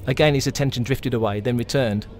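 A man's voice: medium pitch, fast, a little mellow, slight background noise. Man reading a novel aloud on a show floor. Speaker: audiobook narrator.

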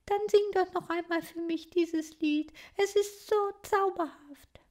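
A woman voicing Clotilde, a gentle young female blue tit with a melodic voice. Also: very high voice, steady tone, unhurried, pitched above the performer's own voice. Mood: delighted.

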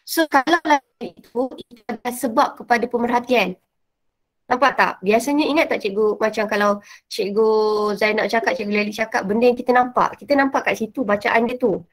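Malaysian lady teacher doing a chatty revision class, bit high voice, lots of ums. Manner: casual, mixes in English words, many fillers. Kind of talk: online revision lesson.

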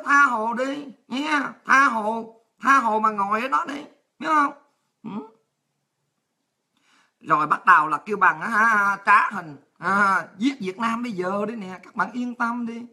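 A woman with a Southern Vietnamese accent rants in a high, piercingly bright voice with a husky edge. Her talk is crude, repetitive and mocking, delivered as heated political commentary. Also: a little slow.

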